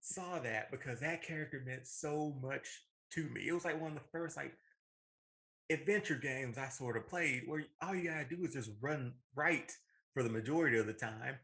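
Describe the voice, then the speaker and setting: A man co-hosts a casual, opinionated podcast about films, telling stories in a colloquial, emphatic way. His voice is medium in pitch and fairly bright, at a moderate pace.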